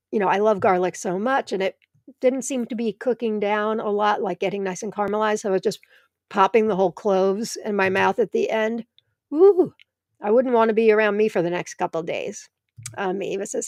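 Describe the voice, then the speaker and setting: Her voice is mid-range with a darkish tone, captured dry and clean like a studio recording. She's a middle-aged woman from the United States hosting a live tomato stream at home, reading comments and replying to viewers by name.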